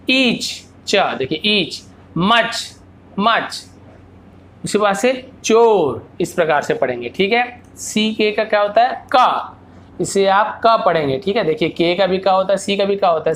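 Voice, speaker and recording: A male teacher explaining English phonics, asking himself questions and then answering them, and repeating example words slowly. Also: sits high, fairly bright tone, a little hiss or hum.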